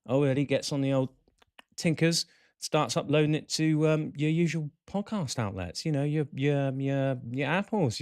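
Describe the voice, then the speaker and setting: A man hosting a chat show, excitable and talkative. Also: medium pitch, no echo, studio quality. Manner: excitable, chatty, animated. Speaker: podcast host.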